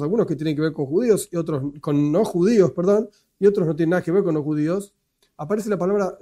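Argentine guy lecturing off slides, kinda high but mellow voice, fixes his own slips as he goes. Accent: Argentine Spanish. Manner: methodical, explanatory, corrects himself aloud. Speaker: religious teacher.

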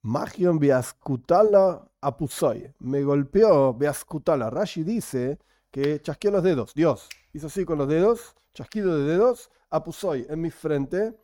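A man teaching a Talmud study class. He reads the Aramaic slowly and then explains it casually. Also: fairly high pitch, expressive, warm tone, no room sound, clean studio sound.

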